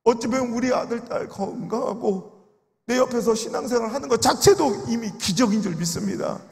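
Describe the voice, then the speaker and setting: A man preaching an emotional sermon in a large prayer-house sanctuary, his voice high and gravelly. He tells stories and acts out grieving voices. The hall rings with long reverb. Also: brisk. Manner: storytelling, acts out quoted voices with sobbing cries. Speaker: pastor.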